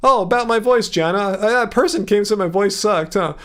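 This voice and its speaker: A man's voice: sits high, brisk, fairly bright tone. A man hosting a casual livestream, reading viewer comments aloud and answering them in a rambling, chatty way. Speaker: livestream host. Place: home room.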